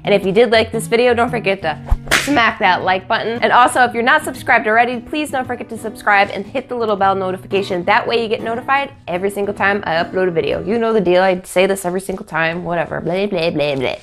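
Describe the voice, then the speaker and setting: A woman's voice: mid-range voice, fast, fairly bright tone. A young woman with a congested, honking nasal voice and sore throat, chattily and playfully hosting a casual recipe tutorial. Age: young adult. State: stuffed nose and sore throat. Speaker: cooking video host. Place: home kitchen, indoors. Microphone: lapel mic. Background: music.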